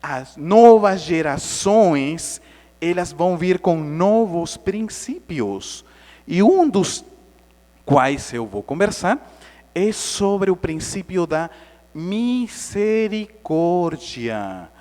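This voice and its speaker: A man giving a Spiritist lecture as a lively story, acting out scenes with sound effects. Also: sits high, drawn-out words. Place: lecture hall. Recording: long hall reverb.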